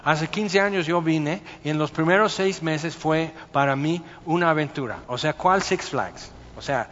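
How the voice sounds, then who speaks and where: A man, a pastor preaching a sermon and telling stories with lively, acted-out voices. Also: fairly high pitch, measured pace, a little hiss or hum. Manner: animated storytelling, acting out voices. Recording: muffled sound with long hall reverb.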